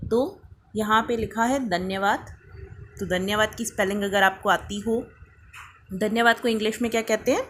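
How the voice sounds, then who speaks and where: A woman's voice: medium pitch, fairly even intonation, normal speed, a bit bright, slight background noise. A woman teaching a beginner English lesson in Hindi, spelling words out letter by letter and prompting learners to repeat after her.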